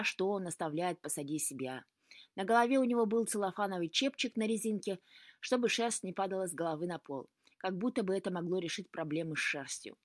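A woman narrating a story as an audiobook, with an even, storytelling delivery. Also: on the low side, no echo, clean studio sound.

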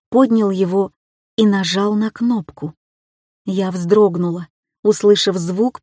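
A woman's voice: mid-range voice, dark tone, no echo, clean studio sound. A woman narrating a story in the first person with a tense, emotional reading. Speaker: audiobook narrator.

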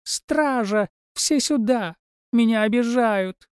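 A man's voice: takes it slowly, clean tone, dry recording, studio quality. A man voicing a spoiled, capricious young princess who whines and throws tantrums. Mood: screaming. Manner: shrill, whiny, throws tantrums.

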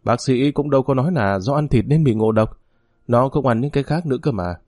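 A man's voice: mid-range voice, fairly quick, darkish tone, dry recording, studio quality, natural voice. A man voicing a spiteful, lying stepmother who denies everything. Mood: defiant denial. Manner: stubborn, denying everything.

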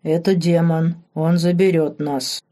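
A woman voicing a grave male spirit with a bass voice, speaking slowly from inside an old witch. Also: steady tone, dark tone.

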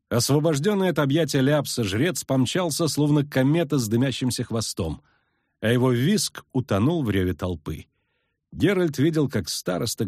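A man narrating an audiobook in a steady storytelling manner. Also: medium pitch, no room sound. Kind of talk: scripted narration. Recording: dry close studio with faint music.

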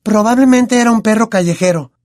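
A bossy know-it-all teenage girl, played by a man in a storybook reading, with a Latin American Spanish accent. She speaks high and fairly loud, precise and sure of herself. The sound is close and dry. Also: brisk, no room sound, natural voice. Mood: superior, calm. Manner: prim, precise and self-assured.

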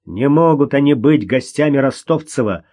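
Guy reading as a brash sneering young man, yells high, husky edge. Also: big pitch swings, unhurried, heavily acted. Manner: jeering, shouting, cackling. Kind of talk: audiobook character voice.

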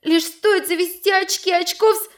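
A woman's voice: very high voice, fairly even intonation, moderate pace, voice pushed up. A woman voicing a top girl student who recites a fable through tears, choked and agitated. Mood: tearful.

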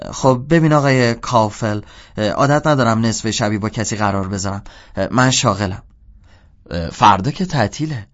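A man's voice: medium pitch, natural voice. A man voicing an adult woman woken late at night, curt and suspicious at first. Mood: flirtatious. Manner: curt, suspicious, then flirtatious. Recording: dull lo-fi audio.

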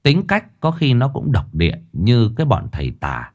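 A man's voice: mid-range voice, huge pitch swings, normal speed, darkish tone. A man narrating a ghost story with dramatic, scripted delivery.

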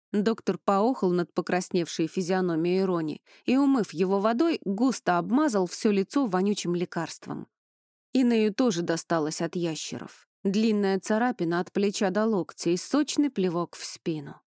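A woman narrates a first-person fantasy story with expressive, dramatic delivery. Her voice is warm and mellow in tone. The recording is close and dry, with no room sound. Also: mid-range voice, normal speed, no room sound. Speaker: audiobook narrator.

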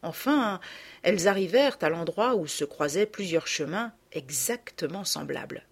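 A woman narrating a classic children's story in a calm, measured reading voice. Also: on the low side, vocal fry, breathy edge.

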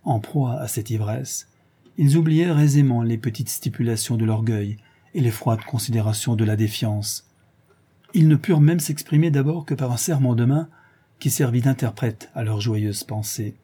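In a measured, even reading, a man narrates a classic novel as an audiobook. His voice is mid-range with a breathy edge.

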